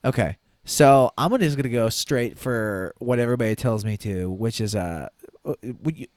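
A man's voice: mid-range voice, normal speed, a little mellow, no room sound. A man co-hosting a casual fitness podcast, playful and hesitant, with lots of fillers and the hiccups. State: has the hiccups. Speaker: podcast co-host. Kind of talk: casual chat.

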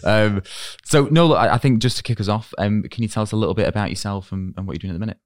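A man's voice: fairly low pitch, racing, no echo, clean studio sound. A man hosting a podcast, interviewing a guest in a conversational style. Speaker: podcast host.

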